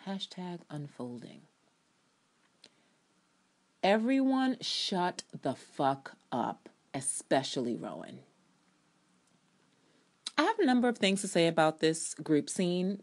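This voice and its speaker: A woman gives a dramatic reading of her own review, her low-pitched voice highly expressive and carrying a breathy edge. Sardonic and full of opinions, she slides off the script into casual, salty asides, stressing words theatrically.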